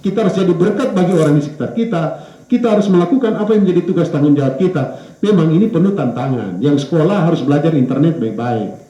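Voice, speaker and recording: A male pastor preaches hesitantly, pausing on fillers and correcting himself. His pitch rises and falls lively for emphasis. The recording has an echoey church sound and dull lo-fi quality.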